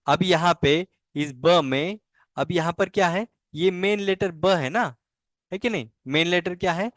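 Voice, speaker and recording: A man's voice: high-pitched, a little slow, fairly bright tone, dry recording, studio quality. A man teaching a language lesson in Hindi. He drills syllables patiently and keeps asking questions and answering them himself.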